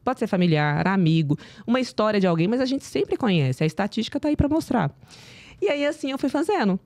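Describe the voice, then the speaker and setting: A woman, a nutritionist guest on a podcast, telling a story in animated casual chat and acting out the dialogue. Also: mid-range voice, fairly quick, no echo. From Brazil. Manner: animated, acts out quoted dialogue.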